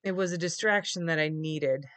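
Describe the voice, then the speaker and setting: A middle-aged woman vlogger talks casually and candidly to camera in a confessional style, sounding weary and reflective. Her voice is low-pitched and a bit bright, at a moderate pace. She's indoors in a small wood-paneled room.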